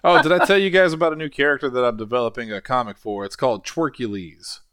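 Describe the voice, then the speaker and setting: A man's voice: medium pitch, animated, very fast, a bit bright, clear, resonant tone, no room sound, studio quality. A man playing in a tabletop game show, chatting casually with playful, crude joking.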